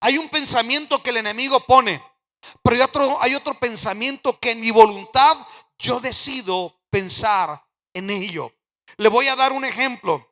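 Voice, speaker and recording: A man preaching a sermon as pastor, swinging from loud emphatic declarations to quiet, low asides. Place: church sanctuary. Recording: church hall with long reverb.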